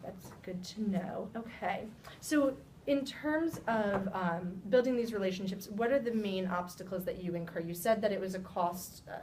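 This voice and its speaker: A woman practices a sales pitch, putting questions to a client in a rehearsed business manner. She sounds set back from the microphone, with some low rumbling noise behind her. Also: normal speed. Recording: distant mic, rumbly background noise.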